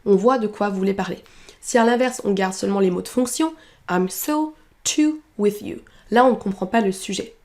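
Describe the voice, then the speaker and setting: A woman's voice: mid-range voice, darkish tone. French woman teaching English pronunciation. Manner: explains clearly, models English phrases slowly and with emphasis. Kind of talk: French-language pronunciation lesson.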